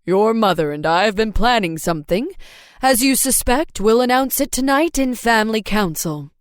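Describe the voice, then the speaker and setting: A woman voicing a warm, steady adoptive father who speaks in measured, gentle counsel, in an audiobook. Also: fairly high pitch, dry recording, studio quality, lightly acted. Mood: fatherly. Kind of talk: audiobook character voice.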